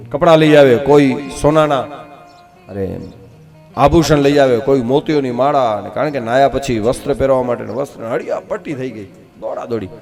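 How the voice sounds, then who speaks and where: A man, telling a devotional scripture story with dramatic swings between loud and soft. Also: mid-range voice, creaky. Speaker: religious storyteller.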